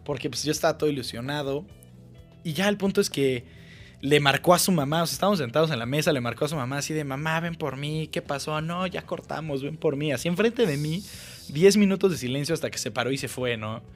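A young man with a Mexican accent telling a story as a guest in a casual interview, animated and full of quick asides. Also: on the high side, soft background music. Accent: Mexican Spanish.

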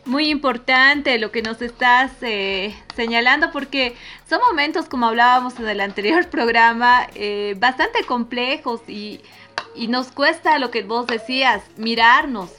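Here is a Bolivian woman hosting a relaxed talk show. She has a higher pitch and a bright, clear voice. She talks in a reflective, rambling way with plenty of fillers. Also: unhurried, faint music behind. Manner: reflective and warm, with many fillers. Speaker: host. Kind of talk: casual chat.

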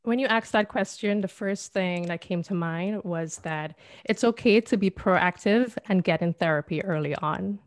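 A woman's voice: lowish voice, moderate pace, hardly any pauses, no echo, clean studio sound. A woman who works as a therapist, speaking in an upbeat and encouraging way as an interview guest. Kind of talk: interview conversation.

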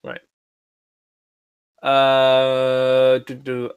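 An easygoing man co-hosting a podcast, trading dry jokes in a relaxed chat. His pitch sits in the middle range, and the sound is dry and close. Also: extremely slow, clean tone, dry recording. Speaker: podcast co-host. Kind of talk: casual chat.

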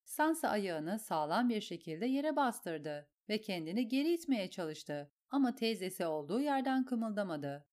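Expressive woman narrating a story. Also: medium pitch, a little slow, hardly any pauses. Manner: expressive, acts out the characters. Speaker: audiobook narrator.

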